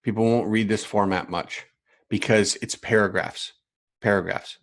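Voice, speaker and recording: A business coach with a fairly low, steady voice runs a live online class for other coaches over a screen share, talking at a normal speed. Emphatic repetition and frequent viewer check-ins mark his delivery.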